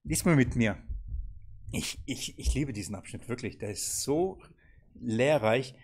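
A man's voice: mid-range voice, measured pace, husky. A man teaching a Bible seminar, asking the group questions and acting out the quoted lines. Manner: lively, questioning the audience, acts out quoted lines.

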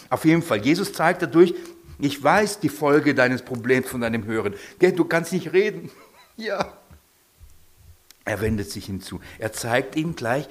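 A male preacher, delivering a sermon in a lively, questioning way. His voice often sinks to a quiet, low tone, and he draws his listeners in with questions. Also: breathy edge.

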